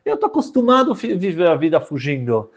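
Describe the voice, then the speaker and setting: A man's voice: sits high, huge pitch swings, quick pace, highs cut off, pitched above the performer's own voice, heavily acted. A man putting on a whining, begging runaway groom. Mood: pleading. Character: desperate pleading male fugitive bridegroom.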